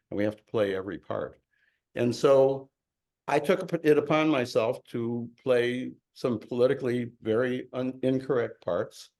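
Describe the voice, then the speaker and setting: This older Chicago man, a novelist, addresses an audience informally with a mid-range, slightly mellow voice. His delivery is frank, emphatic and self-deprecating.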